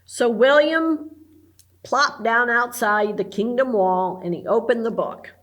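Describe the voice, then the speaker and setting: A librarian woman reading a picture book aloud at storytime, clear and expressive. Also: fairly high pitch, a little slow.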